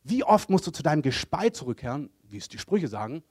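An earnest male preacher with a fairly high voice. He swings between hushed, low-pitched asides and loud, emphatic bursts. The sound is dry and close to the mic. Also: very animated, fast, no room sound. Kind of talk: sermon.

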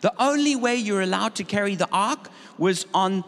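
A man's voice: sits high, expressive, moderate pace, a bit bright. A man preaching a sermon in short phrases for an interpreter, telling a Bible story and acting out the voices of its figures. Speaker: guest preacher. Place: church hall. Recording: reverberant church hall.

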